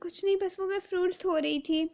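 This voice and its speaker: Soft-spoken high-voiced woman, timid heroine. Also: fairly even intonation, fairly quick, creaky, lo-fi sound. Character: meek kind young girl heroine. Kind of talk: game role-play storytelling.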